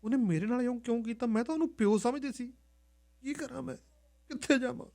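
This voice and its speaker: Tearful young woman played by a man, soft high voice, helpless, radio story. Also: quick pace, gravelly.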